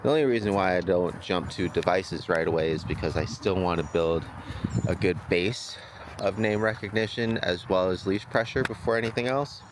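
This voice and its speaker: A dog trainer explains a training demonstration outdoors, thinking aloud in an informal way and checking in with "right?". He has a low voice and a moderate pace, and the background is noisy.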